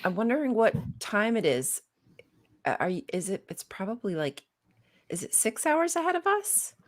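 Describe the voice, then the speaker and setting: A woman's voice: mid-range voice, very animated, moderate pace. A female podcast co-host in casual chat, chatty and encouraging.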